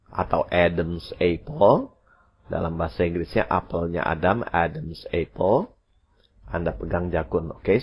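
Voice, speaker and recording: A man teaching an English lesson, repeating his instructions and slowly spelling out example phrases. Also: low-pitched, slightly rough. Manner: slow, drawn-out model pronunciations of English phrases.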